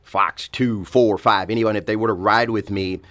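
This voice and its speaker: A man's voice: fairly low pitch, steady tone, normal speed, a bit bright. A man answering interview questions as a fire department spokesman, explaining conversationally with frequent asides.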